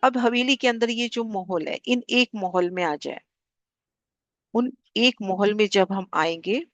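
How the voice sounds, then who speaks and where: Calm woman teaching a devotional class. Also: mid-range voice, takes it slowly, no echo, faint music behind. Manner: calm, guiding, repeats figures for clarity. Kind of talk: devotional lesson explaining maps.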